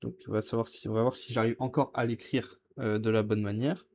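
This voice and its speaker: A man's voice: medium pitch, steady tone, a little mellow. A man who is a beginner, showing how he writes Chinese characters in a casual tutorial, hesitant and correcting himself as he goes. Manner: hesitant, self-correcting, repeats words slowly. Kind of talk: casual tutorial while writing. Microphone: camera filming his writing.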